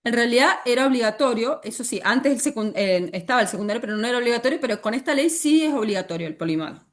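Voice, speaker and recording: A woman's voice: fairly high pitch, animated, fast. A woman teacher with an Argentine accent, lecturing a class and often stopping to ask the students questions. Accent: Argentine Spanish. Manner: asks the class frequent questions.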